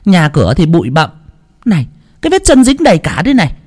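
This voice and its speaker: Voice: mid-range voice, wildly swooping pitch, fast, a little mellow, husky, pitched above the performer's own voice. A storyteller voicing a spiteful, bullying older mother-in-law who screeches scolding insults. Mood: scornful.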